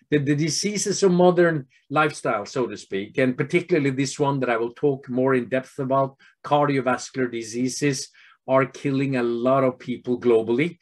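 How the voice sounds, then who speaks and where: A man in his fifties with a Norwegian accent, giving an earnest health presentation to doctors over a video call and pausing often on fillers. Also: mid-range voice. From Norway. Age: 50s. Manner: earnest, steady, with frequent filler pauses.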